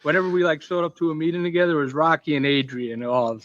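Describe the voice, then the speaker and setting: A man's voice: on the high side, fast talker, fairly bright tone. A man who is a guest on a podcast, telling stories in an easygoing, joking way. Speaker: podcast guest, packaging inventor. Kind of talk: casual interview chat. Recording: dull, dry lo-fi sound.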